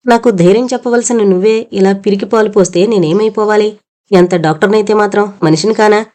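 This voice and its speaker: A woman's voice: mid-range voice, fairly quick, natural voice. Woman voicing a shaken young woman doctor. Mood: reproachful. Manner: gently reproachful. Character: anxious young woman doctor, fragile but scolding.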